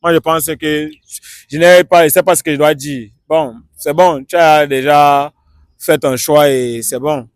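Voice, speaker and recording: Man, street interviewer, halting, hesitant, slightly high voice, dry sound. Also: fairly even intonation, clean tone, no room sound. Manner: halting, hesitant, restarts often. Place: outdoors on the street.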